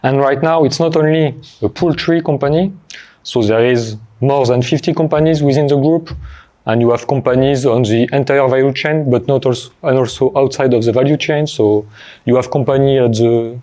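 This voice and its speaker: A middle-aged man with a French accent presents on a conference stage, working in a language that isn't his first. His voice is dark and mellow, and his delivery is hesitant, with many fillers and restarts as he gathers his thoughts. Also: medium pitch, normal speed. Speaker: conference speaker. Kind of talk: conference talk.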